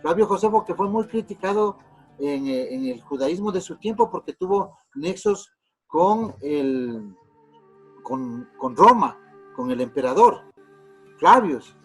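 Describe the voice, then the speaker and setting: A high-voiced man with a husky tone gives a lecture on religious history. He talks, explaining step by step with frequent fillers and false starts. Faint music plays underneath. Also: animated, measured pace. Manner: explanatory, with many fillers and restarts. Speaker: religious teacher.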